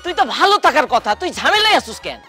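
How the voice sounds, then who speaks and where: An actor playing a mocking young male friend who teases loudly, in a comic drama. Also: very high voice, very animated, very fast, faint music behind, full character voice. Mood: teasing. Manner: teasing, mocking, loud.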